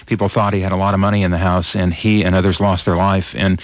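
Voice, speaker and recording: A man hosting a call-in radio show, brisk and matter-of-fact as he moves between callers. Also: deep voice, level tone, no echo. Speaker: radio host.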